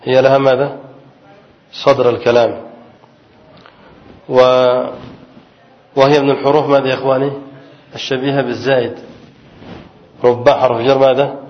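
A man teaching a traditional grammar class, asking his students questions and answering them himself. He repeats key points slowly to make them stick. The recording sounds muffled and lo-fi. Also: mid-range voice, little pitch movement. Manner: reads the text aloud in a raised voice.

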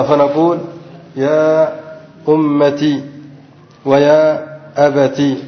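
A man teaching a grammar lesson who keeps pausing to have his students fill in words. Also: a little high. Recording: dull lo-fi recording with long reverb.

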